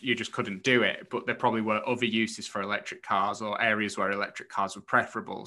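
Bright-voiced man chatting on a podcast. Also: on the low side. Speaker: podcast co-host reviewing a book. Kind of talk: casual explanatory chat.

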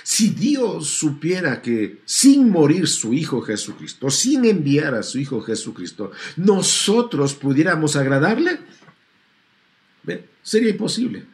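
A man's voice: on the high side, big pitch swings, measured pace. A man preaching a sermon to a congregation, stretching out key words and asking rhetorical questions.

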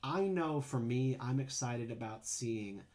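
A man's voice: medium pitch, lively intonation, measured pace, darkish tone. A man co-hosting a podcast in casual fan chat, playful and given to joking asides. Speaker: podcast co-host.

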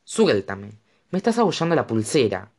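A woman's voice: a bass voice, sing-song, moderate pace, darkish tone, full character voice. A narrator voicing a tipsy, indignant young woman who talks defensively and rambles in an audiobook. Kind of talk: audiobook character voice.

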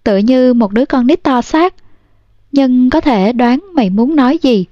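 A vain, haughty young farm wife from a storybook, as a woman reader plays her. She speaks high and scornfully. The sound is dull and dry. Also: lively intonation, normal speed, mellow, no room sound. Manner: haughty, then shrill.

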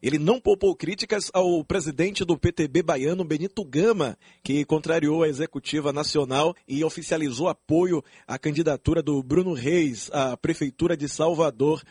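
A man reporting on the radio in a formal, measured way. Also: on the high side, a little mellow, slightly rough, dry recording, clean studio sound. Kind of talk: scripted news report.

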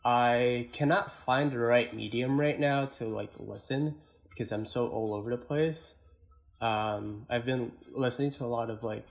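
A man chatting casually on a podcast in a laid-back, slangy way, often halting and repeating words. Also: medium pitch, creaky, dull audio. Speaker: podcast co-host or guest. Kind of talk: casual chat.

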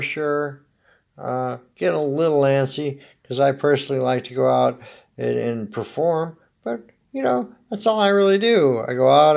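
An American man in his fifties with a gravelly smoker's rasp, giving a casual, rambling comedic monologue as a podcast host, dry and laid-back. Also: mid-range voice, a little mellow. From Oregon, United States.

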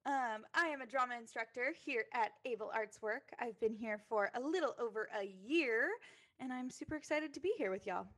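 A woman's voice: on the high side, a little fast, fairly bright tone. A woman drama instructor introducing herself in an upbeat, eager way.

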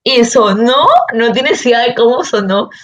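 A young woman with a Peruvian Spanish accent, a student telling an anecdote in a casual, animated way with frequent laughs. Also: a little high, dull audio, slight background noise. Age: young adult. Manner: animated, laughs often, quick asides. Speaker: engineering student, guest.

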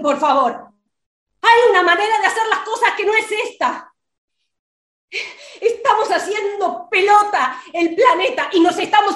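A woman's voice: very high voice, fairly bright tone, echoey room. A woman with an Argentine accent ranting in an indignant, scolding tone in a comic sketch.

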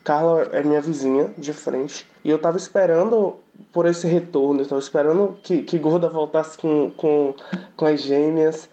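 A man hosting a casual podcast, talking in an emotional, halting way with frequent restarts. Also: on the high side, fairly even intonation, dark tone. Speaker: podcast host. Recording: dull lo-fi audio.

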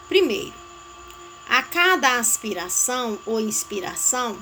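A woman giving a calm, measured devotional teaching on a way of praying. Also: fairly high pitch, slight background noise, rough recording. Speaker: spiritual guide.

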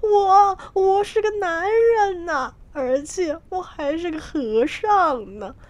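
A woman's voice: very high voice, slow pace, voice pushed up. A woman voicing a timid, easily frightened male monk in a storybook tale, wailing tearfully.

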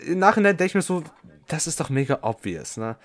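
A man's voice: a little high, very animated, brisk, fairly bright tone. A young man co-hosting a podcast, telling a long story in a rambling way with many fillers. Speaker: podcast co-host. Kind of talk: casual podcast chat.

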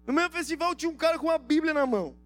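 A man preaching a sermon, telling stories in a lively, slangy way and acting out the dialogue. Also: very high voice, very fast. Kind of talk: sermon with storytelling.

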